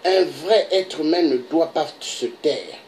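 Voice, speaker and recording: Slow, gravelly, animated commentator woman. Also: sits low, slight background noise. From DR Congo. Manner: emphatic, repeats "hein?" for emphasis. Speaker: political commentator. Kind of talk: impassioned monologue to camera.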